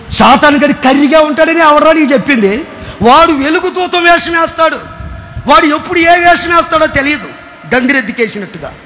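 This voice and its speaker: A male pastor voicing God's word as a stern divine voice that scolds and shouts in a sermon story. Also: very high voice, a little hiss or hum, voice pushed up.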